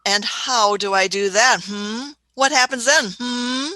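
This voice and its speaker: A woman's voice: fairly high pitch, steady tone, takes it slowly, pushed and bright, no room sound. A woman voicing a fussy elderly Doctor who chuckles, hums and uses old-fashioned phrases in a radio play. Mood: testy. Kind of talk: amateur radio play acting.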